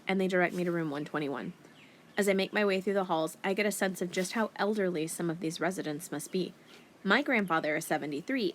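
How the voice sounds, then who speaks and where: A woman reading a first-person audiobook in a wry, expressive teenage-girl voice. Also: lowish voice, slight background noise. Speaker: audiobook narrator.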